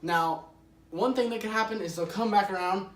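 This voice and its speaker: A man's voice: sits high, normal speed. A man hosting his own channel, giving a casual how-to demonstration in a loose, chatty way that leans on filler words. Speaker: host of a duck hunting channel. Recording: roomy sound from a distant mic with faint background noise.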